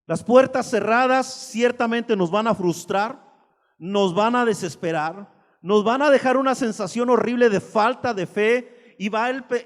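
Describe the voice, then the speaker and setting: A man preaching a sermon to a congregation, emphatic and speaking directly to his listeners with rhetorical questions. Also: very high-pitched. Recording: long hall reverb.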